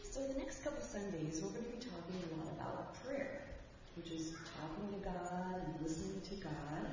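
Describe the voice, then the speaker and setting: A woman giving the children's message in church, gently asking the kids questions and leading them through gestures. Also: on the low side, moderate pace, background noise. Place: church sanctuary. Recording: echoey hall from far off, dull.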